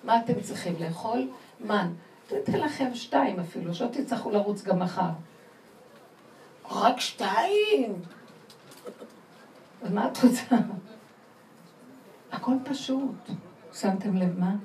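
A woman giving an animated religious lecture to a women's group, laughing often and putting emphatic questions to her listeners. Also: medium pitch, pauses often. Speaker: spiritual teacher. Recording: roomy sound from far off, faint noise.

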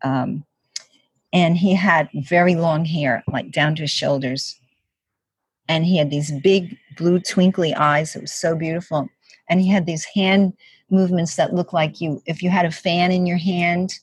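A woman's voice: fairly low pitch, fairly even intonation, a little slow, breathy edge, dry recording. An older woman telling a story casually in an interview, chatty, with many "like" and "you know" fillers and acted-out quotes.

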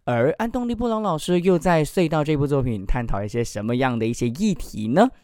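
A man telling a picture-book story aloud with animated, expressive delivery and then discussing it. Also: on the high side, fairly quick, no room sound, clean studio sound.

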